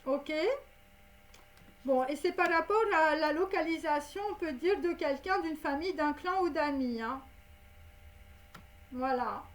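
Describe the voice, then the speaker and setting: A woman reads tarot cards in a loose, rambling way. Her voice sits high, and her talk is full of fillers and little tags at the ends of lines. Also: unhurried, long pauses. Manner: rambling, many fillers and "hein". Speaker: tarot card reader. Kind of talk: casual tarot reading to camera.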